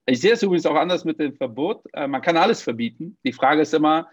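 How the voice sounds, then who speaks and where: A man's voice: a little high, fast talker, dry recording, dull audio. A man who grew up in Portugal, hosting a podcast and chatting casually with many fillers and jokes. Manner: joking, lively storytelling with many fillers. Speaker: podcast host. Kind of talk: casual interview chat.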